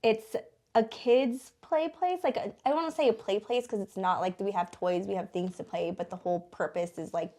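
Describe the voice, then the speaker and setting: A warm, mid-range female voice at a normal pace. She's an American in her thirties, born in the Philippines and raised in Denver from age eight, chatting informally as an interview guest and small business co-owner in a small studio, dropping plenty of casual fillers like "like."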